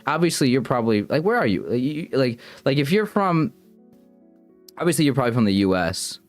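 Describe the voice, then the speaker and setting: Very animated and a little fast, this young man's mid-range voice carries over soft background music. He's casually chatting with stream viewers, rambling self-consciously and often tripping over and restarting what he says.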